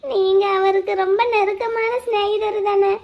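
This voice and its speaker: A woman's voice: very high-pitched, level tone, normal speed, highs cut off. A woman voicing a naive, tearful young bride-to-be in a cartoon, with a whiny, pleading way of talking.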